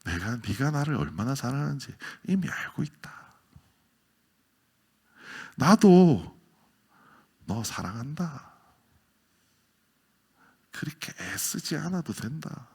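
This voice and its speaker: A man voicing a gentle, tender Jesus, speaking in a hushed, reassuring way. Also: a little high, sing-song, slow pace, vocal fry, long pauses, breathy edge, heavily acted.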